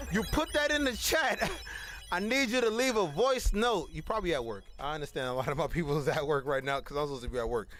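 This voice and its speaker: A man's voice: on the high side, lively intonation, fairly quick, fairly bright tone. A male host speaking casually and preaching, who repeats his lines for emphasis. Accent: Caribbean-American. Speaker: show host. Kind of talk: casual radio show talk. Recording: music playing underneath.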